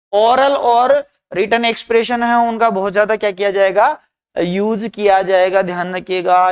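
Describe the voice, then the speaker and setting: A man teaching an exam-prep class. He reads English points slowly, then explains each one in Hindi, often adding "bhai" and reminders to keep things in mind. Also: high voice, smooth. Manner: repeats "dhyan rakhiyega" and "bhai" often. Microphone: screen recording.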